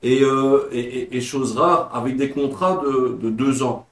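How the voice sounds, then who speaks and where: A man's voice: medium pitch, fairly even intonation, a little slow, echoey room. A man, co-host and coach, chatting enthusiastically and repeating words. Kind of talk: casual chat.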